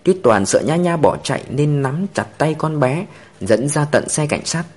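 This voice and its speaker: A man narrating a story in an expressive storytelling manner. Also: on the high side, moderate pace, husky.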